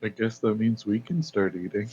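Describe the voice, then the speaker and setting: Low-voiced joking male player. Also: animated, moderate pace, darkish tone, slightly rough, muffled recording. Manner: joking, laughing asides. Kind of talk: casual tabletop role-play.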